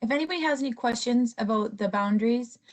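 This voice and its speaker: A woman moderating a community meeting, making brisk, procedural announcements. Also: fairly high pitch.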